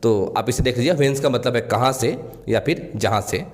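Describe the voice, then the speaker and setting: Man teaching in a reverberant room. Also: medium pitch. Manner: explains in Hindi, reads English examples slowly. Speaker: English teacher. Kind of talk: spoken English lesson.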